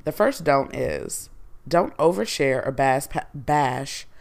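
A woman's voice: a bass voice, animated, slow pace, gravelly, darkish tone. A woman hosting a solo podcast, talking casually with slang and plenty of fillers. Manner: chatty and slangy, with frequent fillers. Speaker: podcast host.

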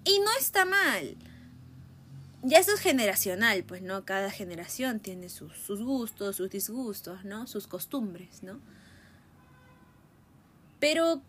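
A woman in her twenties thinking aloud in a relaxed monologue, musing and often ending her points with a questioning tag. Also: mid-range voice, slow, long pauses, slight background noise. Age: 20s. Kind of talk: reflective casual monologue.

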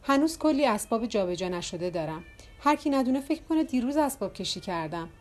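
A woman's voice: sing-song, darkish tone. A woman reading a bubbly, chatty hostess. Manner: bubbly and talkative, pitch lifting on questions. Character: chatty, loud, self-mocking woman hostess. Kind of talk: audiobook character reading.

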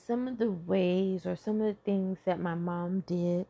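Low gravelly-voiced woman, blunt and candid. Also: fairly even intonation, measured pace, warm tone, highs cut off. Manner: blunt and profane, conversational. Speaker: mother. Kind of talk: candid personal talk on self-healing.

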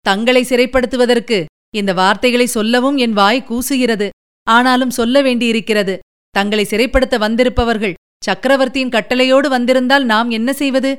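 Careful old army chief, woman reading him, slow and measured, smooth clear voice. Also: on the high side, fairly even intonation, lightly acted. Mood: grave. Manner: measured, weighing each point. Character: cautious, deliberate older male army chief.

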